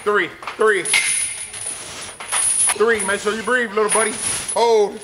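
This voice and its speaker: A man's voice: high voice, flat delivery, takes it slowly, background noise. An American man working as a strength coach, giving blunt, slangy commands during a workout. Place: large indoor gym. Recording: gym with busy background sound.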